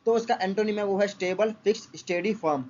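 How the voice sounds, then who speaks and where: Male tutor for exam prep, higher-pitched voice, patient and filler-heavy delivery, muffled low-fi sound. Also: a little mellow. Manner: explains slowly with many fillers. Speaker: teacher. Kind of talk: vocabulary lesson for exam aspirants. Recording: dull lo-fi recording.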